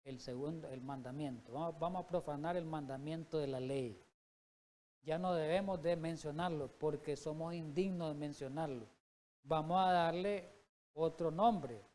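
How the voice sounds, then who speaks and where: Male preacher with a high voice, reading verses aloud and explaining them point by point. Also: moderate pace, a little mellow. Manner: reads scripture aloud, then explains it with rhetorical questions. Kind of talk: Bible study sermon.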